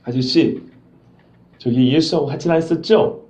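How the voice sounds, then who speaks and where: A man's voice: a little high, normal speed, dark tone, pitched below the performer's own voice, lightly acted. A male pastor voicing a young servant girl who keeps pressing a man with insistent questions. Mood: prying. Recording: roomy dull church recording.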